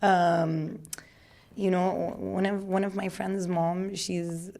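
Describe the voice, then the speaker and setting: A woman from Egypt, a journalist guest on a casual podcast, telling stories in an animated, quick way. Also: fairly low pitch. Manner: animated, quick storytelling with restarts.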